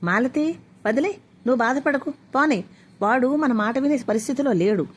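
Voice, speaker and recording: A woman's voice: sits high, normal speed, slight background noise, voice pushed up. A woman doing a firm stern father. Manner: firm, steady.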